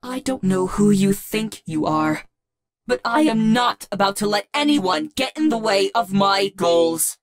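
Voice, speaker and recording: Woman doing an android lady professor for a game, slow dramatic delivery, formal and intense. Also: medium pitch, animated, faint music behind, natural voice. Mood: cold, defiant. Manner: deliberate, formal, theatrical. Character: intense artificial female professor, calculating, proud, ultimately tender. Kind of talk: dramatic video game character acting.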